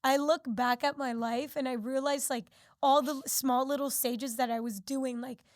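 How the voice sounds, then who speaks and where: Podcast guest: young woman from Peru and the U.S., bright high voice, loose and chatty, dry close sound. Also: steady tone, normal speed, no room sound. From Peru and the United States. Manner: chatty, heavy use of filler "like". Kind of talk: casual interview chat.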